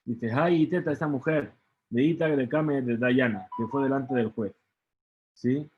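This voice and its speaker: A man's voice: medium pitch, measured pace. A man teaching a Talmud study lesson who keeps asking "¿sí?" and trails off into hesitant fillers. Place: study hall. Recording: dull lo-fi recording.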